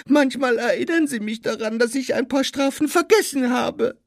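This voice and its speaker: Dobby, a squeaky house-elf. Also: male voice, normal speed, vocal fry, dry recording, studio quality. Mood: anxious. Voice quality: piercing squeaky voice. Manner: calls everyone sir, refers to himself by name. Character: small servile male house-elf, tearful and anxious.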